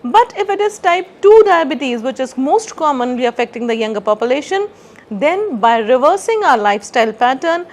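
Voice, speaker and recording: A middle-aged woman doctor from India, giving a clear, prepared talk as a consultant endocrinologist. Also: sits high, sing-song, normal speed. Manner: clear, explanatory lecturing.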